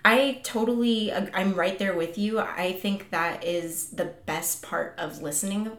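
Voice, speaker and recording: Slow-talking woman in an echoey room. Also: medium pitch. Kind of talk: casual chat.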